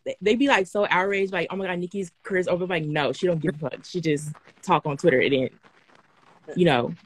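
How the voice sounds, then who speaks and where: Gushing fan woman on a phone call. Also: lowish voice. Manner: gushing, bubbly, fast-talking fan. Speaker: fan caller on live stream. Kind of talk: excited casual chat.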